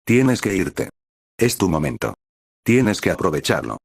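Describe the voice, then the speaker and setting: A man reading the lines of an earnest, devoted teenage boy hero in an even, unchanged voice. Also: low-pitched, unhurried, creaky, slightly rough, no echo, exaggerated voice. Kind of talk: scripted fanfic reading.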